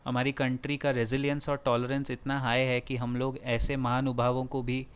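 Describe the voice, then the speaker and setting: A man's voice: medium pitch, little pitch movement, moderate pace, clean tone. A middle-aged Indian man hosting a finance channel, delivering opinionated commentary in a passionate, sarcastic rant with sudden emphatic bursts. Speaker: finance video host.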